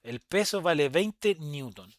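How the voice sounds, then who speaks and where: A young Chilean man teaching a physics lesson, his voice sitting a little high for a man. He talks in a lively, chatty way and throws in quick asides as he explains. The sound is dry and close, with almost no room around it. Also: no echo. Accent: Chilean Spanish. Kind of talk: recorded online class lecture.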